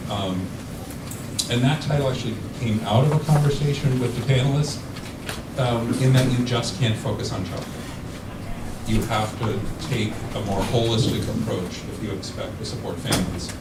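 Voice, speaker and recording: A man moderating a conference panel, speaking haltingly with many fillers. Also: medium pitch. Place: large conference room. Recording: echoey hall, distant mic, loud background noise.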